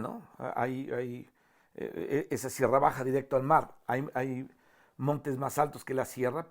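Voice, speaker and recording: Gravelly preacher with a Mexican accent. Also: male voice, darkish tone. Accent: Mexican Spanish. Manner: emphatic, rising pitch on quoted verses; frequent fillers and repeated starts. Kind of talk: sermon on a psalm. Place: outdoors at dusk with mountains in view. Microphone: facing a camera.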